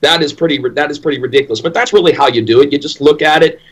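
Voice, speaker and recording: A man's voice: a little high, racing, breathy edge. A man who works as a ring announcer, talking conversationally and emphatically as an opinionated interview guest.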